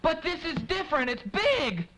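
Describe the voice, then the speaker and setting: An actor playing an excitable man dreaming of getting rich, pitching his scheme with great excitement. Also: normal speed, a little hiss or hum, heavily acted, low-quality recording. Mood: excited.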